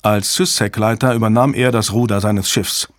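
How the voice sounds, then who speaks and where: A man reading a thriller audiobook as narrator, in a measured, dramatic style. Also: fairly low pitch, steady tone, no echo. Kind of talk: scripted narration.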